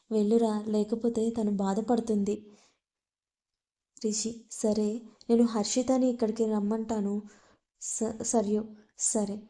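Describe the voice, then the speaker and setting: A woman's voice: fairly high pitch, mellow. A young woman reading a serialized love story aloud, naming each speaker before their lines and lightly shifting her voice for the characters.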